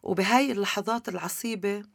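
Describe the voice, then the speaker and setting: A woman's voice: medium pitch, quick pace, vocal fry, no room sound, clean studio sound. A woman with a Palestinian Levantine Arabic accent, telling personal stories as a guest in a conversational interview.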